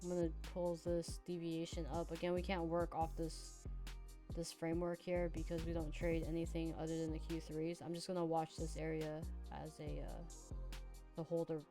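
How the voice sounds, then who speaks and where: A woman's voice: low voice, completely flat delivery, moderate pace, over music. A woman streaming live trading practice, chatting casually with viewers, laughing and answering chat between chart notes. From United States (Hawaii and Virginia). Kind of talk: casual live backtesting commentary.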